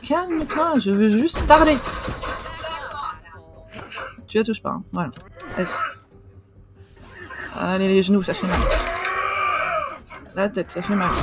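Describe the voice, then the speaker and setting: A woman casually commenting on a game as she plays, excitable and swearing in her reactions. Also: lowish voice, noisy background. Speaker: streamer. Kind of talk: casual let's play commentary. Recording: game sound echoing behind.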